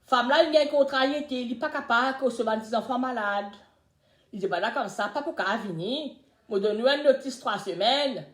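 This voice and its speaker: An older woman from Mauritius with a Mauritian accent, chatting casually to her viewers in a somewhat high voice. She tells her stories in an animated way, swinging between loud and soft. The room around her gives a noticeable echo. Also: moderate pace. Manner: lively storytelling, often breaks into laughter, swings between loud and soft. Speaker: live chat host. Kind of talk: casual Creole live chat. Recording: roomy echo.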